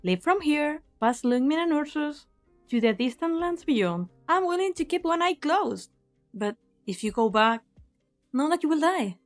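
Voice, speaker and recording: A woman's high voice portrays a young mercenary leader in anime game dub acting, with soft music under it. Still cynical, unsentimental and sly in her taunting, she now delivers a cool warning in a sing-song, measured way.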